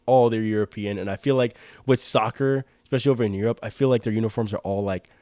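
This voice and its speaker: Talking quickly in a lowish, dark-toned voice, this young podcast co-host enthusiastically discusses sports uniforms. He leans on "like" constantly and keeps restarting sentences, and the recording is dry.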